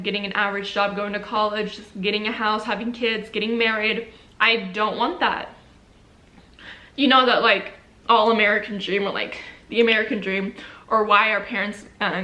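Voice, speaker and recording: Here a young adult woman with a fairly high, sharp-toned voice vlogs at home by a window. She munches a sandwich while chatting casually to the camera, rambling and peppering her speech with "like" and restarts.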